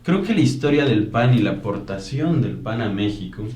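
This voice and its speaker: A man's voice: medium pitch, lively intonation, moderate pace, darkish tone. A man on a political panel, arguing his point and listing dates and facts. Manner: argumentative, lists dates and facts. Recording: roomy echo with faint noise.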